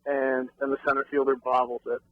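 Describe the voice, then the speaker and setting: A man guesting on a sports talk show, candidly and haltingly explaining his own coaching call. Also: mid-range voice, little pitch movement, no echo. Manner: candid, self-critical, halting with fillers. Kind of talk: casual interview chat. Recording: dull lo-fi recording.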